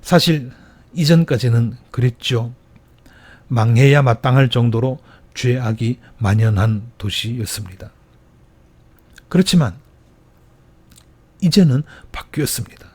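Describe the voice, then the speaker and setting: Storytelling Korean pastor, dark husky voice. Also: male voice, medium pitch, lively intonation, measured pace, long pauses, no room sound. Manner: storytelling preacher, acting out quoted voices with rising emphasis. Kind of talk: sermon. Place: church.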